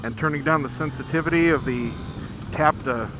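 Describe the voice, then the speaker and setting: Loud engine and wind rush surround a man speaking from inside a motorcycle helmet. His voice sits a little high for a man. He talks casually to camera, rambling through explanations and thinking aloud as he rides. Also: fairly quick. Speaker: motorcycle vlogger. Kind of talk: casual rambling ride-along commentary to camera. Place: outdoors at night, riding a motorcycle. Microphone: microphone inside a motorcycle helmet. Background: motorcycle engine and road rush.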